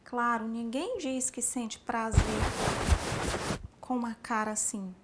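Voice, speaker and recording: A woman teaching a sign language class, explaining each sign slowly and speaking straight to the learner. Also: on the high side, noisy background. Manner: slow, explanatory, addressing the learner directly. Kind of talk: spoken instruction for a sign language lesson.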